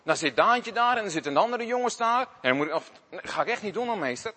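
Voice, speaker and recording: A man's voice: high-pitched, animated, fast talker, sharp tone, voice pushed up, full character voice. A man voicing a remorseful schoolboy who hesitates and stammers over his words. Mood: pleading. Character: remorseful schoolboy with a guilty conscience. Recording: long hall reverb.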